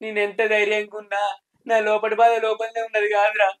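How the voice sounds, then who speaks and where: A man's voice: sits high, completely flat delivery, quick pace, smooth, no echo. A man, wailing and cursing in a village comedy lament.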